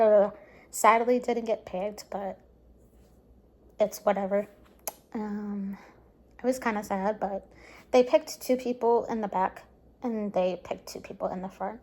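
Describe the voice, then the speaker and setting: Gushing young woman, filler-heavy, tired. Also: medium pitch. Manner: soft, drops into quiet near-whispers at times. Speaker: vlogger. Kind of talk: casual recap vlog to camera.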